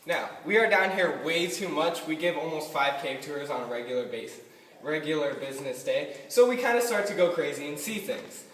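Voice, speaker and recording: A man's voice: fairly high pitch, animated, normal speed, fairly bright tone, slight background noise. A man giving an informal guided tour with dryly joking patter, his voice echoing inside a cave. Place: inside an underground limestone cave. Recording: cave echo, long reverb, distant mic.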